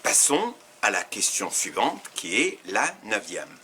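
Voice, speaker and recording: A man with a fairly low but bright, forceful voice, running a quiz for his learners. His pitch swings widely as he poses each question, and he goes back over the answer choices one by one. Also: wildly swooping pitch, takes it slowly, a little hiss or hum. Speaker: Arabic teacher.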